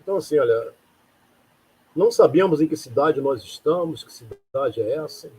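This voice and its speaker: Breathy raspy guy from rio, kinda high voice, rambling live lecture full of rhetorical questions. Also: expressive, normal speed, mellow, low-quality recording. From Rio de Janeiro, Brazil. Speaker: lecturer hosting a live talk.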